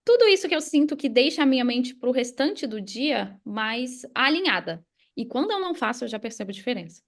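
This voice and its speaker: Speaking fairly quickly in a sing-song voice on the high side, a Brazilian coach guests on a podcast. She explains her points in a relaxed, conversational interview style.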